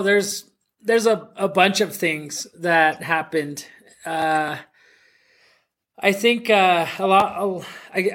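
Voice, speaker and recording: Slow, higher-voiced man, hesitant musician guest. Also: fairly bright tone. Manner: hesitant, measured, pauses often. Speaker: interview guest, jazz band musician. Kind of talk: casual interview answers.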